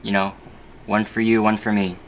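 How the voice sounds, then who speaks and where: A woman's voice: extremely low pitch, level tone, normal speed, noisy background. A woman chatting casually, explaining things in a loose, informal way. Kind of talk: casual chat.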